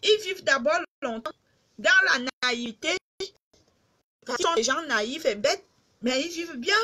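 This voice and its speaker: Her voice sits high with lively intonation and a sharp tone, and she takes her time. A middle-aged woman from Cameroon, she speaks with a Cameroonian accent on a live video stream, casually and emphatically addressing her fans directly and repeating her points.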